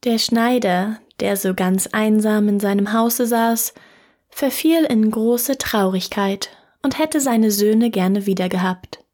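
A woman reading a fairy tale aloud in calm, measured storytelling. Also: medium pitch. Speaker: narrator.

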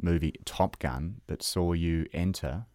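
A man's voice: low voice, a little slow, mellow. A man co-hosting a podcast, asking curious, wry questions in a casual interview.

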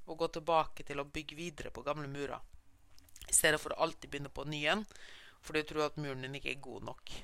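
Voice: medium pitch, sharp tone, smooth, dry recording. A podcast host giving a casual, encouraging motivational talk, tossing in English slang words.

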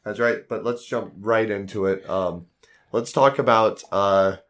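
A man with a lowish voice hosts a casual podcast. His voice is shot and hoarse, as if worn out from yelling. He talks in a loose, conversational way. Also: fairly even intonation, a little slow. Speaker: board game podcast host.

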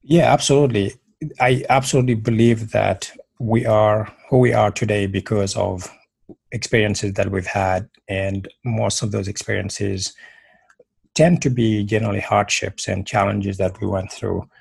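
A lowish, gravelly man from Senegal speaks as an interview guest, his husky voice earnest as he restarts phrases and repeats words. The recording is dry, with no room sound. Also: steady tone, normal speed, a little mellow, no echo. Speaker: podcast guest, motivational speaker and life coach. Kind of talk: conversational storytelling interview.

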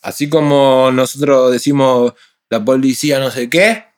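A young rapper with a Uruguayan Spanish accent, guesting in a casual interview, tells stories animatedly in street slang and acts out other people's voices. His mid-range voice is a little slow.

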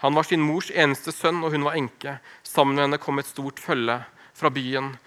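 A man preaching a sermon, earnest and emphatic, slowing down on key phrases and dropping to a hush. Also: a little high, level tone. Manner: earnest, slow emphatic phrasing with wide swings in loudness.

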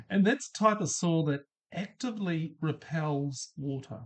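Husky middle-aged man musing aloud. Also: a little high, slow, fairly bright tone. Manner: thoughtful, asks questions, light laughs. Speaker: podcast host. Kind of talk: reflective solo monologue.

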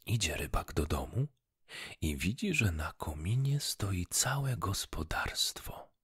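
A man reading a fairy tale aloud as a storyteller, in an unhurried, gravelly way. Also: low voice, sing-song, fairly bright tone, dry recording. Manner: slow, husky and gravelly.

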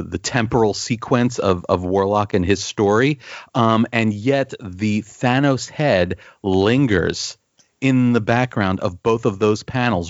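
A man's voice: on the low side, no echo. A man co-hosting a casual comics chat, enthusiastic and often repeating words while he searches for the phrasing. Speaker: podcast co-host discussing comics. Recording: dull, dry lo-fi sound.

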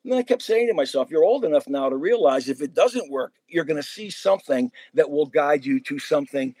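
A man's voice: on the high side, animated, a little fast, mellow, slightly rough, dry recording. A man in a casual podcast conversation, telling stories animatedly, laughing often and acting out his own past thoughts. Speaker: former high school theater director, podcast guest.

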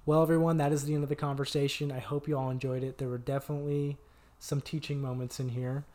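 A man's voice: medium pitch, little pitch movement, fast, warm tone. A man hosting a podcast, giving an upbeat, promotional outro as a dating coach.

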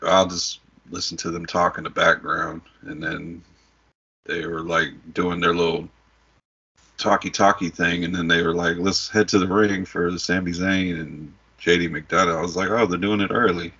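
A man's voice: low voice, little pitch movement, normal speed, bright, forceful tone, slightly rough. A middle-aged man hosting a podcast, chatting casually about sports. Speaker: podcast host. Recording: dull lo-fi audio.

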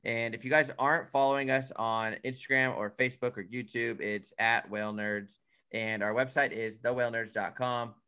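Bright-voiced laid-back young man. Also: mid-range voice, fairly even intonation, normal speed, clear, resonant tone. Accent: New England. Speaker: podcast co-host, boat owner. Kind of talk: casual podcast chat.

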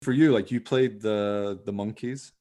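Measured in pace and warm in tone, a man with a fairly low voice and fairly even intonation hosts a podcast and writes radio plays. He chats informally and rambles, often hedging with "you know."

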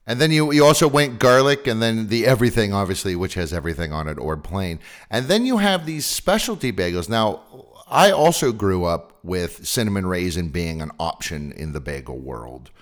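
Wry man with a lively low voice. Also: normal speed, hardly any pauses. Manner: wry, curious questioning. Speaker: host. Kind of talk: casual interview.

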